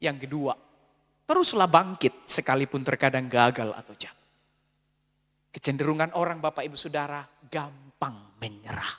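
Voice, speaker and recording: A man preaching a sermon, emphatic and repetitive, swinging between soft passages and shouts. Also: on the high side, moderate pace. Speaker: pastor. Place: church hall. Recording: long church hall reverb.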